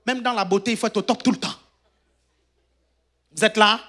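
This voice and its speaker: Male pastor, sermon, bright forceful voice, animated, jokey, keeps asking if the congregation follows. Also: sits high, moderate pace. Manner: animated, jokes, sudden shouts.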